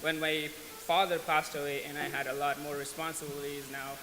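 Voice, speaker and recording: A man from Afghanistan in his twenties stands as a guest speaker in a large church hall, earnestly sharing his life story. His voice is on the high side with a flat delivery, plain and unhurried, with small restarts. Echo fills the recording, along with a faint hiss.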